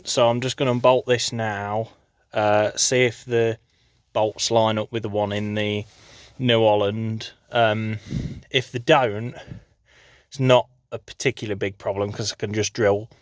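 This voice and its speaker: A farm vlogger walks through a DIY installation in a casual how-to vlog shot on a handheld phone, explaining the hands-on job in an informal, matter-of-fact way. His voice is lowish, with a flat delivery and a measured pace. The audio is clean, studio-like, with no room sound.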